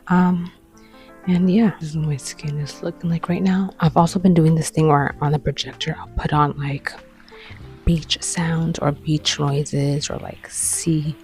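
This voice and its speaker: A short-of-breath vlogger talks casually to the camera in a bedroom at night, rambling along and often sinking into a soft whisper. The voice has a gravelly, fry-heavy texture. Faint music plays quietly in the background. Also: mid-range voice, poor audio. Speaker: lifestyle vlogger.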